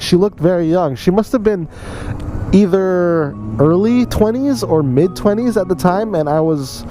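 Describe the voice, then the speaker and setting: A Canadian motorcycle vlogger tells a casual story while riding outdoors, conversational and full of slangy emphasis. His voice is high and mellow, with faint vehicle and road noise behind it.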